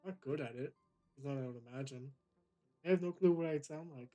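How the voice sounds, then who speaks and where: A man's voice: mid-range voice, fairly quick, mellow, soft background music. A man streaming a game from home, joking and bluntly cursing as he comments. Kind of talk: casual gameplay commentary.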